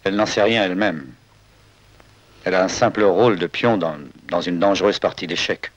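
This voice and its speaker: Composed investigator, low-pitched man, terse questioning, seventies film drama, muffled old soundtrack. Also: a little fast. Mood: measured, defensive. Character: composed male investigator hired to find a client's daughter. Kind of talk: 1970s French-language film drama acting.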